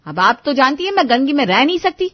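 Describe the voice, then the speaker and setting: A woman's voice: high voice, big pitch swings, fast talker. A woman doing a bossy young daughter-in-law. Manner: bossy, mocking. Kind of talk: cartoon voice acting. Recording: dull lo-fi voice-over.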